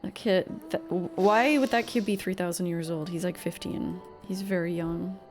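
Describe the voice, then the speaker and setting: A woman's voice: on the low side, fairly even intonation, moderate pace, soft background music. A woman giving casual, off-the-cuff commentary as she plays a video game. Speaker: game streamer.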